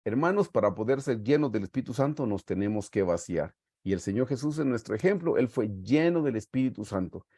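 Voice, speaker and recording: A man's voice: medium pitch, expressive, a little fast, few pauses, no room sound, studio quality. A middle-aged man, teaching a Bible study in an earnest preaching style over a video call and often calling his listeners "brothers". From Guatemala. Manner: earnest, warm pastoral storytelling, often saying "hermanos". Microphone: video call mic.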